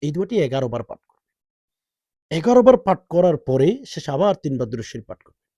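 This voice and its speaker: Guy preaching fast and pushy then chanting prayers real slow, mellow dry voice. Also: on the high side, sing-song, no room sound. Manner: fast urgent Bengali talk, slow drawn-out recitation. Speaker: Islamic preacher. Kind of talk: sermon with chanted Arabic prayers.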